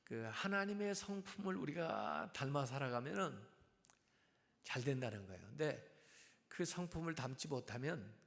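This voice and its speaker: A male pastor giving a sermon, calmly explaining scripture verse by verse in a teaching tone. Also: medium pitch, moderate pace, creaky. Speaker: senior pastor. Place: church sanctuary. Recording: long reverb of a church hall.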